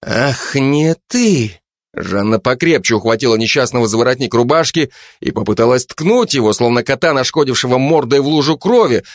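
Give me a male audiobook narrator with a lively, expressive voice. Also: mid-range voice, no room sound, clean studio sound. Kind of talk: scripted narration.

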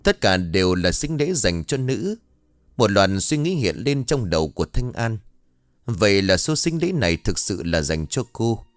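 A man narrates a ghost story in a dramatic scripted reading. His low voice moves lively up and down through the telling. The sound is dry, with soft music beneath. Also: normal speed, no echo.

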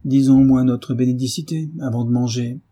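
A man reading aloud, voicing a brutal middle-aged father who shouts roughly and sarcastically. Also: medium pitch, steady tone, brisk, voice pushed up, natural voice. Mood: furious, gruff.

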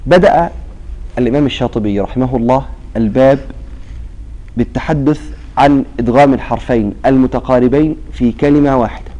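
Teacher with a mellow voice. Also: male voice, mid-range voice, lo-fi sound. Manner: prompts students with half-finished questions; stretches out example words slowly. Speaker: Quran recitation teacher. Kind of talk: classroom lesson on recitation rules.

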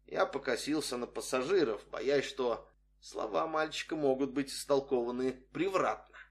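A man's voice: mid-range voice, normal speed. A man reading a humorous story aloud as scripted narration, with a dry, wry storytelling manner. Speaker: audiobook reader.

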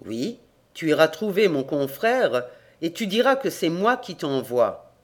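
An audiobook reader voicing a stern older country priest, reading his lines in a measured, admonishing way. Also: mid-range voice, big pitch swings.

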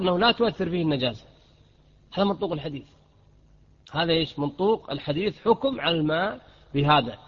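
A man, a sheikh teaching a jurisprudence lesson, quizzing students with questions and repeating key terms. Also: a little high. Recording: dull lo-fi lesson recording.

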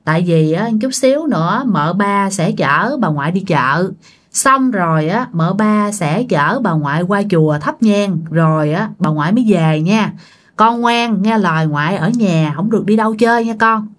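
A woman voicing a kind, doting older grandmother who gives soft, coaxing instructions. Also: medium pitch, expressive, normal speed, close to an everyday voice. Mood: tender.

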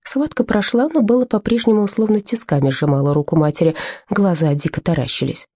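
A woman narrating a memoir audiobook in a measured, even storytelling manner. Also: medium pitch, no echo.

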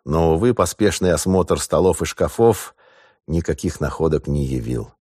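A male audiobook narrator with a very deep voice, reading in a steady, measured way. The recording is dry and close to the mic. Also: slightly rough, no room sound. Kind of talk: scripted narration.

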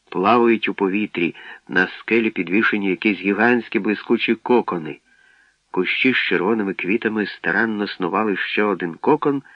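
A man narrating a story from a script, with steady storytelling that shifts into acted voices. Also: on the low side, no room sound. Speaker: audiobook narrator. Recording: dry, dull lo-fi recording.

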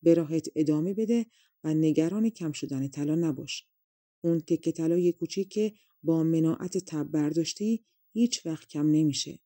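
Brief: woman reading as a gentle magical lady, calm and wise, warm dry voice. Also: sits low, dry recording, natural voice. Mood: kindly. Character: tall kind fairy lady, wise.

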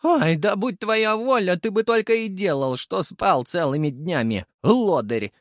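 A man's voice: high voice, expressive, a little slow, no echo, studio quality, pitched above the performer's own voice. A man voicing an indignant village wife scolding her husband, in an audiobook. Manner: indignant nagging.

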